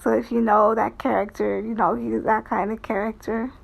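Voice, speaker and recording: A woman giving casual, rambling commentary as a streamer, in a halting, hesitant way with phrases that trail off. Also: on the high side, flat delivery, gravelly. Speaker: VTuber streamer.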